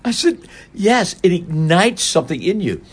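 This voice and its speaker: Husky man telling animated stories. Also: moderate pace. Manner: acts out quoted voices with big pitch jumps. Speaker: podcast guest, speaker. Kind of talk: animated storytelling.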